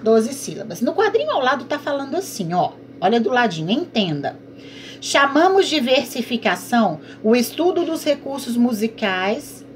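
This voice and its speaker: A woman's voice: a little high, sing-song, moderate pace, slight background noise. A woman teaching a recorded online class, patiently explaining and asking and answering her own questions.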